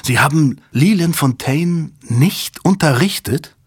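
A man reading an audiobook voices an angry, indignant young woman who fires off sharp, clipped questions. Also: medium pitch, expressive, moderate pace, breathy edge, no echo, studio quality, pitched above the performer's own voice. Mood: accusing. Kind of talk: audiobook character voice.

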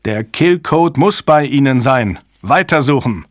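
A man's voice: medium pitch, a little fast, dry recording, studio quality, lightly acted. A man doing a curt, commanding agency chief. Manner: curt, barking orders.

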